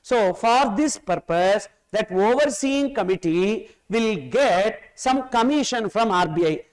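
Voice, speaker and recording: Male lecturer, South Indian accent. High, crisp voice, explains emphatically through repeated questions and examples. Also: animated, measured pace, low-quality recording. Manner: emphatic, repeats phrases, asks and answers own questions. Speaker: tax course teacher.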